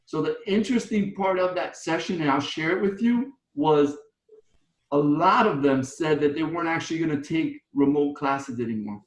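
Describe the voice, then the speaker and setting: A man with a somewhat high voice co-hosts a live webinar and speaks earnestly as an instructor, often restarting his sentences. His voice comes over online meeting audio in a roomy, echoing space. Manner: earnest, with restarts and you-knows. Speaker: co-host and instructor. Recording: roomy echo.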